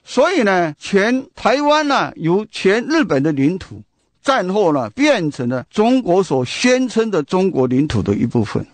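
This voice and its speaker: Taiwanese radio host with lively pitch. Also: male voice, unhurried, no room sound. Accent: Taiwanese Mandarin. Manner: chatty, rhetorical questions, storytelling. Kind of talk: radio book talk.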